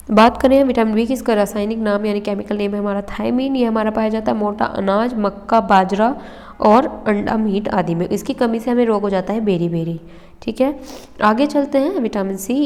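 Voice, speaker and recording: A woman's voice: medium pitch, a little mellow. A young woman teaching an exam-prep lesson, explaining step by step and checking in with her listeners, with a slight cough now and then. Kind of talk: exam-prep lesson over handwritten notes. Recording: roomy with long reverb.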